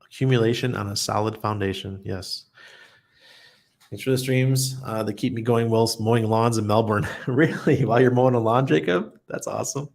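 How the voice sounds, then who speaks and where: Speaking at a moderate pace in a creaky, slightly mellow voice on the low side, this livestream host reads out viewers' comments. He responds in a blunt, chatty, casual way and laughs often.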